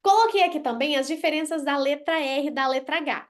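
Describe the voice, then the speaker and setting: Brazilian lady teaching english live, high bright voice, blunt and jokey, overdoes the pronunciation drills. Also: a little fast. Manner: blunt, playful, exaggerated pronunciation demos. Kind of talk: live online English lesson.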